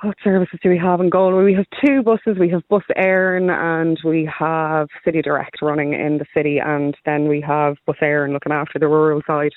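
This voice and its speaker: A woman's voice: low-pitched, level tone, brisk, few pauses, dry recording. An earnest woman explains things as a campaigner in a radio phone interview. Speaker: public transport campaigner, phone-in guest. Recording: tinny, dry phone line.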